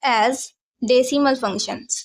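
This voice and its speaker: Lady maths teacher with a high voice, walks through each step, keeps asking "got it?". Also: drawn-out words. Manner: explains step by step, often checks for understanding. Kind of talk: classroom maths lesson.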